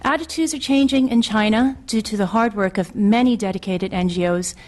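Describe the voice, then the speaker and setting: A woman's voice: medium pitch, brisk, a little mellow. Earnest middle-aged woman reading formal testimony. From Hong Kong. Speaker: witness testifying at a legislative committee.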